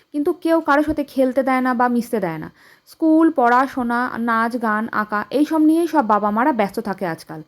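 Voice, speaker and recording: A woman, chatting to viewers about her day at home. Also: high-pitched. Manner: chatty, talks straight to viewers; speaks softly at night so the family sleeps. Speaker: vlogger. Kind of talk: casual daily-life vlog.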